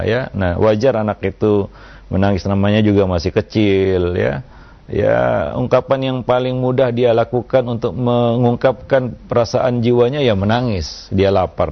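A male preacher answering a listener's question with calm religious advice, unhurried and full of little "ya" tags, on a dull lo-fi recording. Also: medium pitch, gravelly. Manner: unhurried, with frequent "ya" and "kan begitu" tags.

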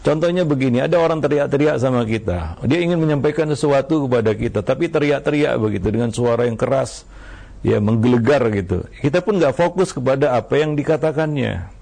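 A man, an Islamic teacher giving religious advice, speaking in a measured way with many small fillers and quoting Arabic verses. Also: medium pitch, creaky, dark tone, breathy edge. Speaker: Islamic teacher answering questions.

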